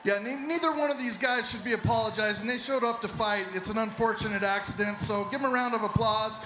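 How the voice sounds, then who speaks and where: A man hosts a live fight event, speaking off the cuff in a high, bright, forceful voice. Faint venue noise sits behind him. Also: fast talker, soft background music, low-quality recording. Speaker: event host with microphone. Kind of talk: unscripted live event address.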